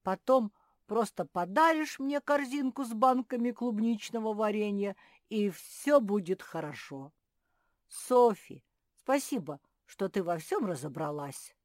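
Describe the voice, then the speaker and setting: A woman's voice: mid-range voice, lively intonation, takes it slowly, darkish tone, dry recording, clean studio sound, voice pushed up. A woman voicing a naive, innocent little bear cub in a storybook reading, with a puzzled, eager manner. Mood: cheerful.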